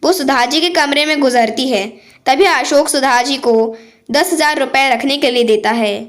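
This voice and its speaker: A woman narrating a family moral story in a steady, plain way. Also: high-pitched, normal speed.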